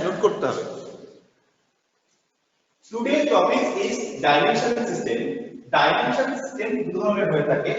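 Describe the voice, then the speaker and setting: A male teacher giving an online class from a large empty classroom. He explains slowly and switches between English and Bengali, and a heavy cathedral-like echo fills the hall around him. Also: sits high. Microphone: distant device mic over a video call. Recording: echoey empty hall, voice far from the mic, muffled sound.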